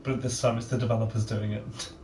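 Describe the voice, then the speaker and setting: A man giving casual let's-play commentary, halting and restarting, repeating his words. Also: lowish voice, flat delivery, far from the mic. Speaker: co-host of a gaming video. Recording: roomy, off-mic, faint noise.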